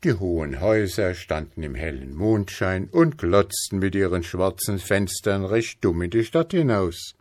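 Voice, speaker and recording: A man reading a fairy tale aloud slowly and expressively. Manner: slow, expressive, lively pitch. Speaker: storyteller.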